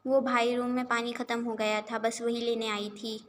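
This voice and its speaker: A woman's voice: a little high, level tone, slight background noise, close to an everyday voice. A woman voicing a cheeky, chatty young sister who talks in a breezy way.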